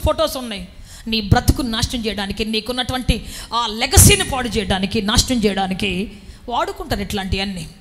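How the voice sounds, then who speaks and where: A woman delivers a lively sermon in a high, ringing voice. She acts out little stories and bursts into shouted exclamations. A long reverb trails her words. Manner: animated, breaks into shouted exclamations. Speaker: preacher.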